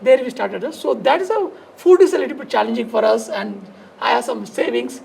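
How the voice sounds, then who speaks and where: A man with a South Indian accent and a gravelly, creaky voice, telling his story conversationally in loose, fragmented, repetitive phrases. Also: very high-pitched, fairly quick, darkish tone, a little hiss or hum. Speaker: dance studio founder and teacher, podcast guest.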